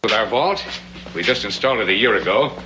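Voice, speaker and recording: Actor as a courteous, animated Old West bank manager. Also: male voice, lowish voice, a little fast, background noise, close to an everyday voice. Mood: proud. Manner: polite, formal, salesmanlike. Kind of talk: old television western acting. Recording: TV soundtrack with loud music. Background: loud background music from the episode.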